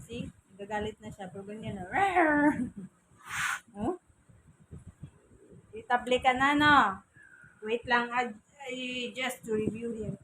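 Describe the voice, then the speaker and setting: A woman's voice: a little high, fairly bright tone, slight background noise, poor audio. A woman with a Filipino accent talking to her pet in teasing, cooing baby talk while drying it. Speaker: pet owner vlogger. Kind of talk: casual chat to her cat while drying it. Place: home, by a fan.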